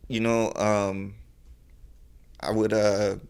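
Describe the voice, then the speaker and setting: A man's voice: fairly low pitch, level tone, drawn-out words, darkish tone, clean tone. A young man from California talking casually as a podcast guest, rambling and laid-back with lots of swearing and fillers. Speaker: podcast guest, battle rapper.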